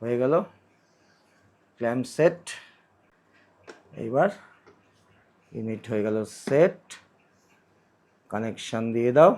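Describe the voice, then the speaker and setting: Slow and animated, with a dark mid-range voice and frequent pauses, a vlogger shows how to install a product. He keeps it casual, explaining step by step and repeating phrases as he goes.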